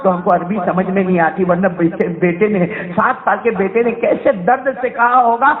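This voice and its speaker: Fervent male preacher with a high voice, emotional storytelling sermon that keeps quizzing the crowd, narrow phone-like audio. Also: fairly even intonation. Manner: fervent, repeatedly quizzes the audience. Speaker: Islamic preacher. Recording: tinny phone-like sound.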